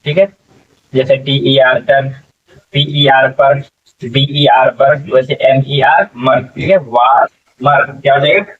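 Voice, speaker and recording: A man's voice: mid-range voice, fairly even intonation, takes it slowly, distant mic. A man teaching English reading in Hindi, spelling words letter by letter and repeating them as he asks the class what they become. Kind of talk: slow spelling lesson. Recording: tinny phone-like sound from off mic.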